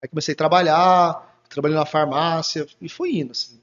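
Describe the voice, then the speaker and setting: A man's voice: fairly high pitch, steady tone, fairly quick, fairly bright tone. A man guest in an interview, telling his life story casually and acting out quoted dialogue. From Brazil. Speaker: entrepreneur guest. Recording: muffled lo-fi recording.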